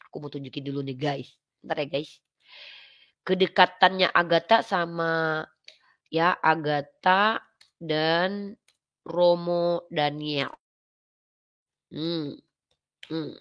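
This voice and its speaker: Bright, animated woman livestreaming. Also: fairly low pitch, dull audio. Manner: animated, quotes others in acted voices. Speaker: live streamer commenting on religious controversy. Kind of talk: casual livestream talk.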